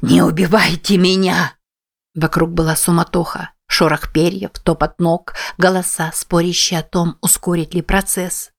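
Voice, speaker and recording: A woman's voice: lowish voice, level tone, normal speed, hardly any pauses. A woman narrating a tense first-person audiobook.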